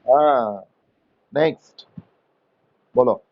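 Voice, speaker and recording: A man with an Indian accent teaching English grammar in a classroom, slowly coaxing students to answer and explaining rules in Hindi mixed with English terms. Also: mid-range voice, lo-fi sound. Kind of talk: classroom lesson.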